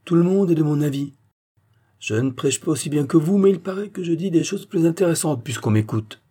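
A man voicing a calm, stubborn village philosopher who argues point by point in an audiobook reading. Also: fairly high pitch, fairly quick, pitched above the performer's own voice. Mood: firm. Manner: calm, almost gentle, arguing point by point.

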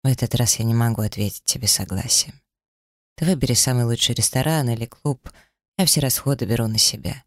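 Male reader as a withdrawn, weary man in an audiobook; heavy subdued lines, rough fry in the voice. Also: mid-range voice, a little fast, no echo, clean studio sound, lightly acted. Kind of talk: audiobook character reading.

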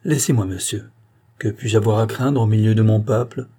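A man voicing a besieged king who calls out orders and then speaks with calm majesty in a storybook reading. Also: lowish voice, moderate pace, husky. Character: besieged king, middle-aged man, calm yet commanding.

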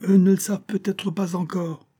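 A sly male fox who wheedles and cajoles, his voice pitched up and sweetly persuasive, as a man acts him out while reading. Underneath the tone is mellow and a little husky. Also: level tone, normal speed. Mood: pleading. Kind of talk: storybook reading.

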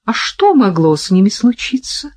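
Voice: very animated, normal speed, a little mellow. Reader voicing a defiant scheming sultan's wife. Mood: defiant shouting. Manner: pleading, then shrill and defiant. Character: scheming, desperate sultan's wife, middle-aged.

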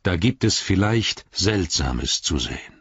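A man voicing an ancient, wise wizard who speaks in a grave, measured, riddling way in an audiobook reading. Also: sits low, expressive, a bit bright, husky, no echo, muffled recording, full character voice. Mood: solemn.

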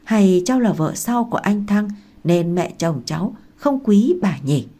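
A woman reading aloud and voicing a meek young pregnant daughter-in-law who asks softly and pleads. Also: medium pitch, expressive, unhurried. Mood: pleading. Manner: soft, pleading, curious.

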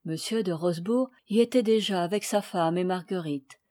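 A woman reading a children's novel aloud, with clear, expressive narration. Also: fairly low pitch, moderate pace. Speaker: audiobook reader. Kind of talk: storybook reading.

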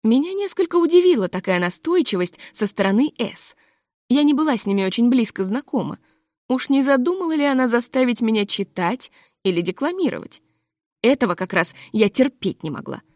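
A woman narrating a literary memoir as an audiobook, in calm, measured storytelling, close to the mic. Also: a little high, no echo.

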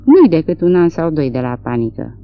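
A woman reads a novel aloud in a measured, expressive way. Her voice is low, and her pitch moves a lot between phrases. The recording has a dull, lo-fi sound. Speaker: audiobook reader. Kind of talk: literary audiobook narration.

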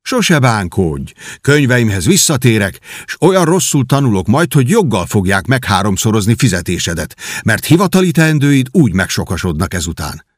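A man's voice: lowish voice, sing-song, slightly rough, no room sound, studio quality. A man voicing a beggar boy posing as a young king, who questions in puzzlement and gives orders grandly. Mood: magnanimous.

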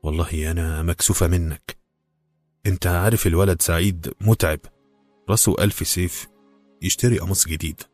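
Male reader doing a coaxing Egyptian housewife, low voice, quick and apologetic, dry studio sound. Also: darkish tone, no room sound, faint music behind. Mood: pleading. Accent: Egyptian Arabic. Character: pleading Cairene housewife, anxious to help her family.

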